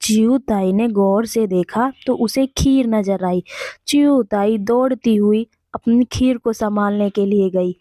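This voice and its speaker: A woman's voice: mid-range voice, slow pace, warm tone, no room sound, studio quality. A woman narrating a children's moral story in a simple, repetitive storytelling manner.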